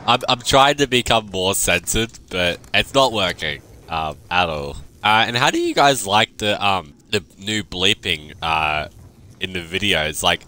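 A man's voice: low voice, lively intonation, measured pace, sharp tone, a little hiss or hum. A young man, chatting and rambling freely through casual gameplay commentary, swearing now and then. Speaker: gaming youtuber.

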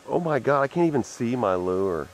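A man with a Southern US accent, talking excitedly to viewers while fishing from a creek bank, recorded on a head-mounted camera. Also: medium pitch, moderate pace, soft background music. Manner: excitable, exclaiming over catches, talking to viewers. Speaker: fishing vlogger. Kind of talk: casual outdoor commentary while fishing.

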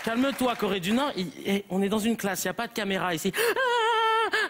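A young man playing an exasperated teacher, scolding his pupils in a fairly high voice. Stage comedy sketch in front of an audience, with faint crowd sounds. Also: fast talker, noisy background. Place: theater stage before an audience.

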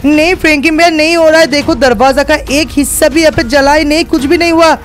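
A man voicing a young schoolboy in a game role-play, in a high, strained, complaining kid voice. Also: steady tone, fast talker, faint music behind. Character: whiny young schoolboy Nobita, timid sidekick.

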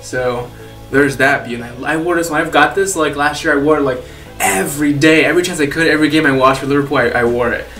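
Casting note: young male vlogger from Peru, slightly high voice, gushing and chatty, recorded in an echoey room with faint music behind. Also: fast, a bit bright, recorded from a distance. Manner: rambling, filler-heavy and enthusiastic. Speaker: YouTuber. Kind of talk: casual vlog chat. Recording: roomy echo, off-mic, faint music.

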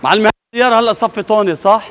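A man's voice: high voice, very fast, background noise. A man pulling a street prank, insistently repeating his complaint to a driver. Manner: insistent, repeats himself, plays the wronged neighbor. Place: city street outdoors by parked cars.

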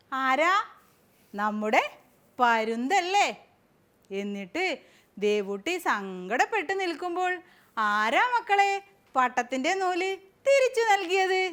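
A woman's voice: high-pitched, fairly bright tone. A woman kindergarten teacher telling a story to small children, coaxing and sing-song, stopping often to ask them questions.

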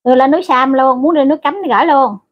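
A woman's voice: sits high, fast talker, highs cut off. A middle-aged woman hosting a casual livestream. She reads out viewer comments and scolds rude commenters bluntly and crudely. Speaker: livestream host.

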